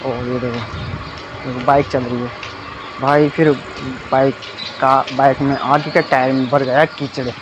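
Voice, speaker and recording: A man's voice: medium pitch, flat delivery, measured pace, pauses often. A young man, giving a loose, repetitive running commentary outdoors on a muddy dirt road. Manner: loose, repetitive running commentary, often says "ye dekho" and "bhai". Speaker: vlogger. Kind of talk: casual vlog commentary. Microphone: phone camera. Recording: dull lo-fi phone audio with loud outdoor noise.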